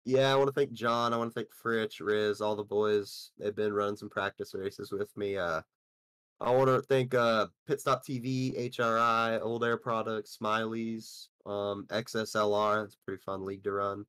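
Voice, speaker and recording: A man driver giving a relaxed, halting post-race interview. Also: on the low side, smooth, dry recording. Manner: relaxed, halting, plain-spoken. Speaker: sim racing driver interviewed after a race.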